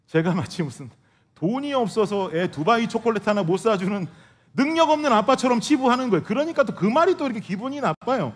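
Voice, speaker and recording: High-voiced pastor telling a family story. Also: male voice. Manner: humorous storytelling, addresses the congregation directly. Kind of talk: sermon with a personal family story. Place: church sanctuary.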